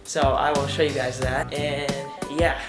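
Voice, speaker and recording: A man's voice: medium pitch, level tone, measured pace, reverberant. A young man chatting to camera from inside his home, upbeat and amused. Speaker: vlogger host. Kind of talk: casual chat to camera. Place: indoors at home by a window. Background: background music.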